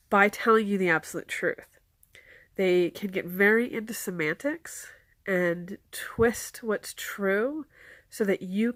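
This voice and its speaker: Speaking in a mid-range voice with no echo around her, a congested woman with a cold calmly walks through folklore. She also gives practical tips, sounding casual and earnest.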